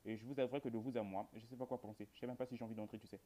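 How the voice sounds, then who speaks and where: He speaks very fast in a steady, dark-toned, medium-pitched voice. A gamer and video host, he offers laid-back horror game commentary directly to viewers, meandering in colloquial speech with wry, dry quips.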